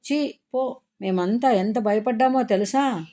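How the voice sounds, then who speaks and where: A woman's voice: fairly high pitch, a little slow, warm tone, pitched above the performer's own voice, natural voice. A woman voicing a tearful young woman. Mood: tearful, relieved. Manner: tearful, reproachful.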